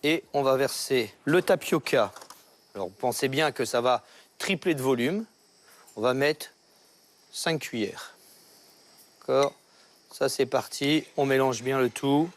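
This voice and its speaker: Pausing often and keeping a measured pace, a chef with a mid-range voice guides listeners through a recipe over background music. His delivery is instructive, and he uses short tags to check they're keeping up.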